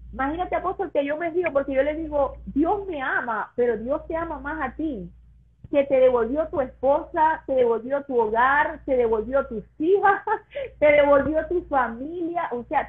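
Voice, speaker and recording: A woman giving an emotional religious testimony to a pastor, her voice rising high when she is moved. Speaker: guest sharing her testimony. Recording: tinny phone-like line.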